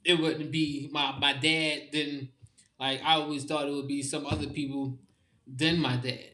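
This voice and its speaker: Young man talking in halting slang. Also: fairly high pitch, flat delivery, bright, forceful tone. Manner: informal slang, halting restarts. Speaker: guest. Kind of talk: casual heartfelt conversation.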